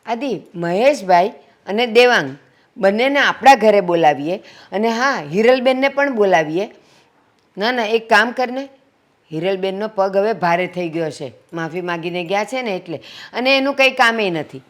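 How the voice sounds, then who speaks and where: A woman playing an older mother who holds the family together. She speaks earnestly at a middle pitch, coaxing and reasoning, and grows stern when she lectures. It sounds like a family drama. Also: animated, normal speed, close to an everyday voice. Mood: calm persuading. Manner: earnest, scolding when roused. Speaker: family matriarch.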